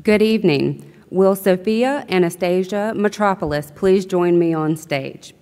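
A young woman presenting an academic award, reading clearly from a script into a podium microphone in a large arena. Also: on the low side, a little slow, darkish tone. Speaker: university vice president presenting an award. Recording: long reverb of a large hall.

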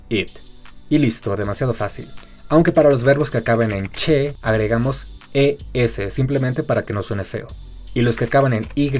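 Male host, scripted explainer voice-over, mid-pitched, faint music underneath. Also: darkish tone. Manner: explanatory, slows down to spell out example words. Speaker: educational YouTube host.

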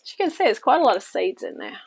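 A woman's voice: mid-range voice, huge pitch swings, rapid-fire, vocal fry, slightly rough, low-quality recording. A woman hosting a home cooking show, talking viewers through a recipe step by step in a chatty, reassuring way, still a little weak from illness and coughing now and then, recorded at a kitchen table. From New Zealand. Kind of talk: casual cooking demonstration.

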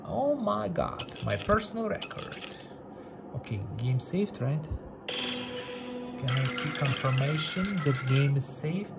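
A male mobile game streamer with a fairly high, creaky voice talks at a slow pace, his pitch swinging widely. His gameplay commentary is casual and playful, repeating words and phrases in non-native English over game music.

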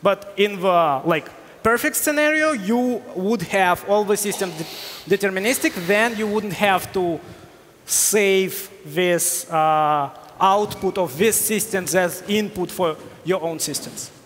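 A high-pitched man in his thirties fields technical questions from a conference audience, explaining step by step with plenty of "uh"s. He wears a headset mic in a big hall, and a long reverb trails his voice. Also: takes it slowly, a bit bright, slight background noise. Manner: explanatory, with hesitations. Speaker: conference speaker. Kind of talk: technical Q&A on stage. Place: large hall on stage.

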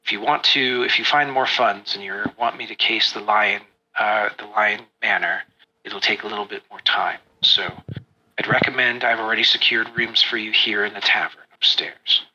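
A man doing a hushed, sly spymaster. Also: steady tone, moderate pace, dull audio, a little hiss or hum. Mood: hushed scheming. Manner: low, hushed, conspiratorial. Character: sly adult male spymaster posing as a drunk.

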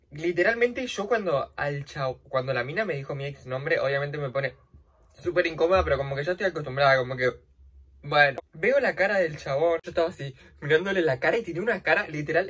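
Slangy Rioplatense woman telling a story. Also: a little hiss or hum. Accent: Rioplatense Spanish. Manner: dramatic, slangy, swings between loud outbursts and low asides. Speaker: vlogger. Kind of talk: casual storytime while doing makeup.

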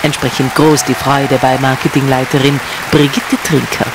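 A man reading a scripted news voice-over in an upbeat, measured tone. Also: mid-range voice, level tone. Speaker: news narrator. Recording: narration over music and crowd chatter. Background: music and crowd noise.

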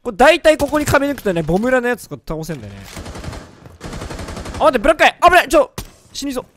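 A man with a hoarse, strained voice talks over a game, excitable and joking at his own expense. His voice sits high and swings up and down a lot. A faint hiss runs underneath. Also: quick pace. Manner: excitable, joking, self-mocking. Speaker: gaming video creator. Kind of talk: gameplay commentary.

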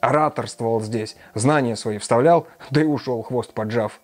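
A man voicing a drunk, excitable young male friend who blusters loudly. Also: mid-range voice, normal speed, close to an everyday voice. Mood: blustering. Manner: loud, blustering.

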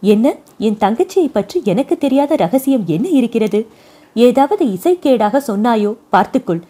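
Woman playing a spirited young wife, storybook, animated, mellow, somewhat high. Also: normal speed, husky. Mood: curious. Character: young wife, spirited and proud of her sister.

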